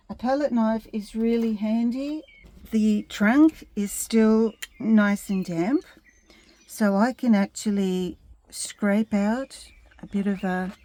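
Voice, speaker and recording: A woman with a mid-range voice leads a step-by-step painting tutorial. She instructs gently and without hurry.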